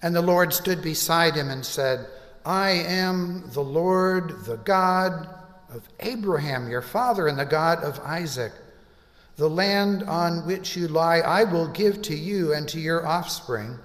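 An older man gives a sermon at a church pulpit, with a somewhat high voice and a very slow, deliberate delivery full of pauses. His voice rings through a large sanctuary with a long echo. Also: fairly bright tone. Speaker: pastor. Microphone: pulpit microphone. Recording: reverberant church hall.

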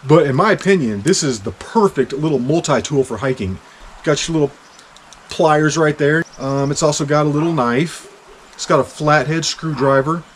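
This winter gear review comes from a Kansas hiking vlogger in his forties, standing on an outdoor back deck. His pitch runs high and his pace is moderate, and he keeps things chatty and joking with flashes of excitement. Some hiss or hum is audible.

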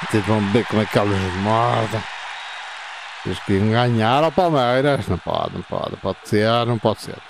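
A man, playing a football video game and reacting excitedly, shouting and repeating words. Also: lowish voice, moderate pace, gravelly, background noise. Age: 50s.

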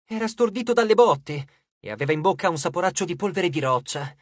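A man reads an audiobook chapter in a measured, steady way. His voice sits high for a man. The recording is dry and close, with no room sound. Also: no echo. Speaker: audiobook narrator. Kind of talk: scripted audiobook narration.

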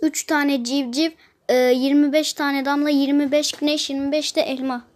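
A gameplay streamer chats casually while playing a mobile puzzle game, grumbling about hard levels and humming to herself. Her voice sits high, with a flat delivery at normal speed.

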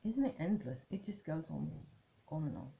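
Low gravelly woman chatting to camera. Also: expressive, moderate pace, mellow, lo-fi sound. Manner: chatty, musing, trailing off in restarts. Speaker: tarot vlogger. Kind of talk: casual chat to camera.

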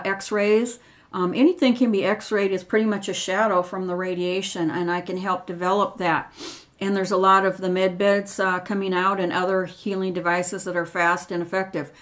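An older woman, a retired x-ray tech, speaking in a personal video with an earnest, rambling manner, nervous at times. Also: medium pitch. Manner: earnest, rambling, grievance-driven.

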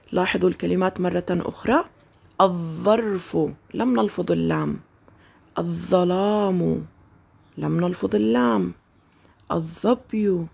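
Female early-grade teacher, husky with some vocal fry, patient and deliberate, models each word slowly. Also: mid-range voice, darkish tone. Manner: slow, drawn-out modeling of words for children to repeat. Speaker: first-grade Arabic teacher. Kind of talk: recorded children's lesson.

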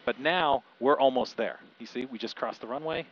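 A man's voice: medium pitch, moderate pace. A middle-aged man, a pilot and flight instructor, explaining procedures and making radio calls through an aviation headset. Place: small airplane cockpit. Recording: dull aircraft intercom, engine noise.

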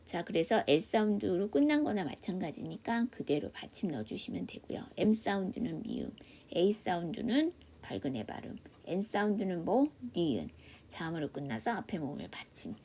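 A woman teaching English pronunciation in an online class, asking questions and answering them herself, often dropping to a soft half-whisper. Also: lowish voice, breathy edge. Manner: patient step-by-step drilling, asks and answers own questions. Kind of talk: online phonics lesson. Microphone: computer mic for a video class.

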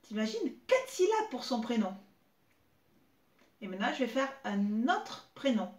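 A woman in her thirties teaching young children remotely, spelling out syllables slowly and clearly as she claps. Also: on the high side, big pitch swings. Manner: slow, clear, exaggerated syllable clapping. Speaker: preschool teacher. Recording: echoey room with faint noise.

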